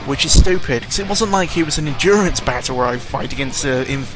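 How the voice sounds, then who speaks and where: A young gaming vlogger rants casually about video games, exasperated and packed with fillers, his mid-range voice animated and a little fast. Video game music plays behind him.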